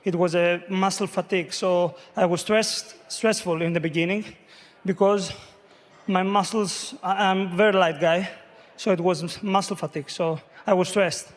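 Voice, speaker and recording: A male athlete speaks in a high voice, with halting, simple phrasing as a non-native English speaker. It is a post-event interview recorded in a reverberant arena. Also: steady tone. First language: not English. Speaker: competing athlete.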